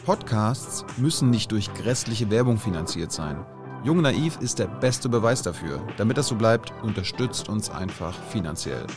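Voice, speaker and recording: A male host with a fairly low voice speaks straight to listeners and asks for support. Clear background music plays under his voice. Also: sing-song, moderate pace. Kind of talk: spoken donation appeal. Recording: voice over music.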